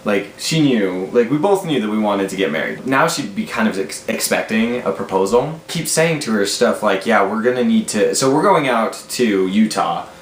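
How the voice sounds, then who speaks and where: This American man in his twenties tells a lively, casual story indoors in a small room at home, voicing the dialogue as he goes. His voice runs low and he talks at a normal speed with hardly any pauses, while the audio carries a roomy echo and faint background noise.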